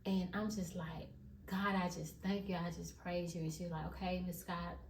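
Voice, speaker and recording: A woman's voice: on the low side, steady tone, moderate pace, distant mic, a little hiss or hum. Woman testifying in an echoey room. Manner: emphatic, addresses viewers as y'all. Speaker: vlogger. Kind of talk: casual testimony vlog.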